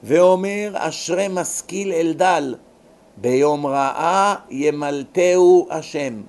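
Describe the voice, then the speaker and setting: A man giving a dramatic religious sermon, swinging between loud rebuke and hushed pleading. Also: a little high. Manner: preachy, dramatic, acts out pleading voices. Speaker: rabbi lecturer.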